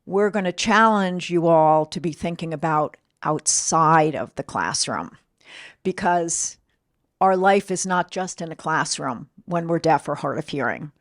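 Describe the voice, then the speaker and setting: A woman's voice: low voice, expressive, measured pace, no echo, studio quality. A woman co-presenting an informal talk, explaining things plainly and checking in with rhetorical questions. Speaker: co-presenter from a deaf services center.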